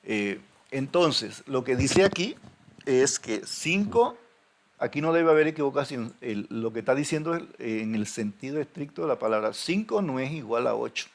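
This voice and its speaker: A man teaching a programming class, explaining step by step with many pauses and frequent checks that students follow. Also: mid-range voice, expressive. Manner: hesitant, many fillers and restarts, checks in with "¿ven?". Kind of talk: recorded classroom lecture.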